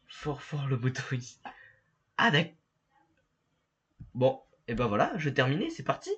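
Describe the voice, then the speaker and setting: A man streaming a game live, talking to his chat in a halting, stammering way and reading the screen aloud. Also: fairly high pitch, fairly bright tone, breathy edge, muffled recording. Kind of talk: live gameplay commentary.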